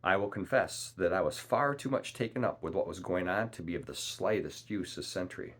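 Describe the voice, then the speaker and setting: A man reading a classic adventure novel aloud in a measured, calm storytelling manner. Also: deep voice. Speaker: audiobook reader.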